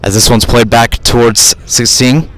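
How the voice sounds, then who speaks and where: A man with a medium-pitched, fairly bright voice does live radio play-by-play of a soccer match from the field outdoors. His delivery is flat and his speed normal, as he calls it in short running phrases with occasional asides.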